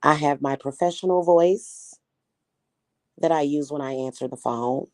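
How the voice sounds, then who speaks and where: Speaking a little slowly in a low voice, a Kansas City, Missouri woman in her forties with a Midwestern accent reads chat on her livestream. She rambles casually with viewers, talking slangy and frank. There's no echo on the recording.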